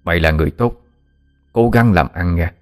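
A man doing Aphone, a low calm woodsman. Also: normal speed, faint music behind, lightly acted. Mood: kindly. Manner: steady, matter-of-fact, explaining. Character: seasoned man of the forest, calm and knowing.

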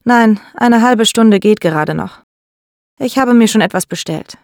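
A woman's voice: on the high side, unhurried, darkish tone, no echo, clean studio sound. A woman reading the part of a proud, impatient male artist who speaks firmly. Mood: curt. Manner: firm, self-assertive.

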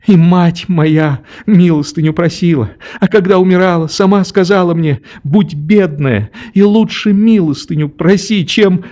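A man voicing a fierce, tearful little orphan girl in an audiobook, with shrill, defiant, sobbing outbursts. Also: lively intonation, takes it slowly, mellow. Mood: hysterical.

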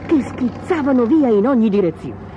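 A woman narrating a children's storybook in an expressive, dramatic way. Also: fairly high pitch, moderate pace, noisy background. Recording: dull lo-fi audio with music behind.

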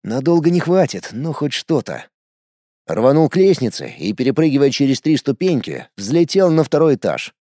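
Lively male audiobook narrator, mellow tone. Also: mid-range voice, normal speed, no echo, studio quality. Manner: lively storytelling with shouted character lines. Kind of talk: first-person audiobook narration.

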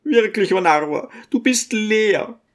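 A man reading an audiobook and voicing a fussy, pious, tearful old mother in a high, pleading voice. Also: lively intonation, takes it slowly. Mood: fretting. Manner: pleading, fretful, high-pitched. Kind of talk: audiobook character voice.

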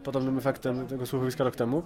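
Rapid-fire and completely flat in delivery, a medium-pitched man who does amateur voice acting answers interview questions casually, hesitant, prone to repeating words and a bit tongue-in-cheek. Crowd chatter bustles behind him.

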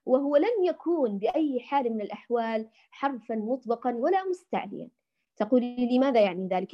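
A woman teaching Quran recitation to women, patiently demonstrating letter sounds and tenderly addressing her listeners as dear ones. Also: a little high. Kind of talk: tajweed lesson for women. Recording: dull lo-fi recording.

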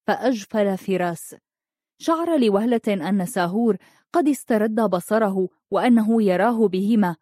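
A woman narrating a storybook in a measured, even reading voice. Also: mid-range voice, no echo, clean studio sound.

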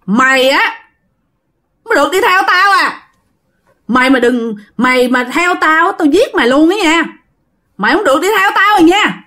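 A woman puts on a possessed young boy from a spoken ghost story, with a Southern Vietnamese accent. His voice is high and shrill, rushing into menacing taunts. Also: natural voice. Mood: threatening.

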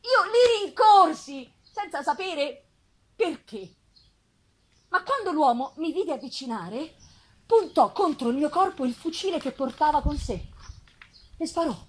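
A woman giving a theatrical, intense literary reading as a lonely, embittered male monster, with deliberate pauses and swells. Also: sits high, pitched above the performer's own voice. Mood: agitated, wounded. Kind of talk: dramatic literary reading of a gothic novel. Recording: live festival reading with clear noise.

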